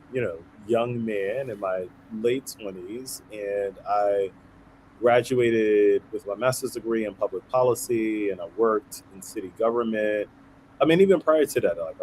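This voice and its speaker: A man in his thirties, from Haiti and raised in Brooklyn, speaks as an interview guest. His voice is low and mellow, and he explains earnestly, checking in with "right?" as he goes. A faint hiss of noise sits under the recording. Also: poor audio. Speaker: guest, nonprofit founder. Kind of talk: conversational interview.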